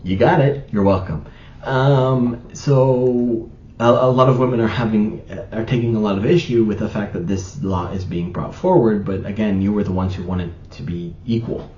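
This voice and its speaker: A man's voice: moderate pace, a little mellow. A young man hosting an opinion monologue, rambling with many fillers and restarts as he argues his case. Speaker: channel host. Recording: roomy, slightly dull recording with faint rumble.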